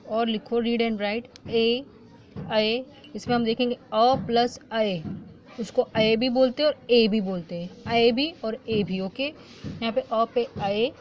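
A woman teacher with an Indian accent giving a recorded lesson, reading syllables slowly and drawn out, and mixing in English. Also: on the high side. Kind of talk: online class lesson. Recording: dull lo-fi sound with faint background noise.

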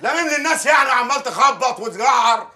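Husky pushy village mayor. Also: male voice, extremely high pitch, lively intonation, fast talker, sharp tone, full character voice. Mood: angry. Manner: coaxing, wheedling, then blustering. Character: pushy flirtatious village mayor, middle-aged man. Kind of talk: television drama acting.

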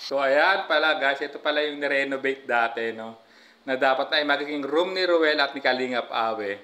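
Speaking at medium pitch and normal speed, this middle-aged man's voice sounds pushed and bright. He reacts to a clip for his viewers, chatty and relaxed, phone close to his mouth, often adding "no, guys?"

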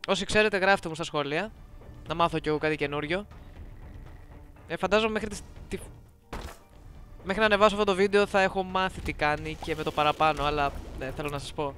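A woman's voice: fairly low pitch, fairly even intonation, long pauses, a bit bright, soft background music. A woman giving casual let's-play commentary, playful and teasing as she chats to viewers on a close microphone. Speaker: gameplay commentator. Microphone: close desk microphone.

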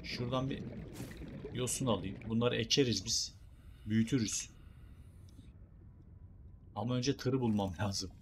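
A man's voice: mid-range voice, a little slow, long pauses, a little hiss or hum. A young man casually commenting on his gameplay, joking, using slang and talking to viewers and creatures on screen. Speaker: gaming YouTuber. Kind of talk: casual let's play commentary.

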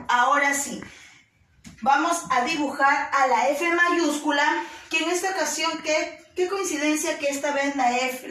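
A woman teaching young children, from Peru, giving slow, patient step-by-step instructions in a classroom. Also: high-pitched, fairly bright tone. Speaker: kindergarten teacher. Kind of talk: children's writing lesson. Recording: very echoey room, voice far from mic.

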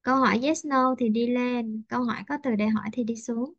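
A woman teaching English intonation to a class over a video call, patiently repeating example sentences slowly. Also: fairly high pitch, fairly even intonation, no room sound, highs cut off.

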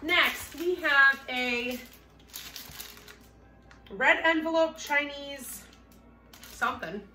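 A woman's voice: sits high, very slow, pauses often, sharp tone, faint music behind. A woman chatting casually and cheerfully as she unboxes resale items, thinking aloud. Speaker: reseller vlogger. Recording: echoey room, mic at a distance, noisy.

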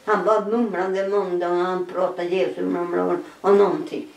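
A middle-aged woman giving a personal testimony in an interview, telling her story with animated, laughing re-enactments of dialogue. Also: on the low side, creaky, roomy sound, far from the mic, slight background noise, poor audio.

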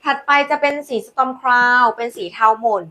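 A woman hosting a live sales pitch, demonstrating products in a chatty, coaxing way with polite endearments to customers. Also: steady tone, measured pace, bright, forceful tone. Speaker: live-selling host presenting handbags.

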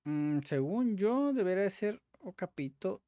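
A man's voice: sits high, expressive, unhurried, dark tone, dry recording, studio quality. Man talking through exercises. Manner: thinking aloud, self-correcting, frequent "vale?" and "ok". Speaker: language-learning video host. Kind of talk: casual commentary while doing language exercises.

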